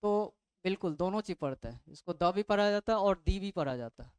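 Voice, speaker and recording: A teacher records an online grammar class close to the mic, with a smooth, clear voice in a dry, deadened space. The teacher keeps throwing quiz questions at the students and then answers them. Each point ends with a quick check that the class has followed. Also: mid-range voice, animated, darkish tone, dry recording. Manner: repeats a check-in phrase meaning "got it?".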